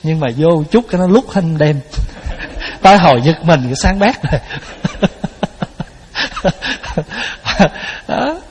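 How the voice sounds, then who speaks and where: A man's voice: fairly high pitch, lively intonation, slow, pauses often, a little mellow, slight background noise. A man giving a Buddhist dharma talk, telling stories in a folksy way and addressing his listeners directly. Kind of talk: sermon. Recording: hall with long reverb.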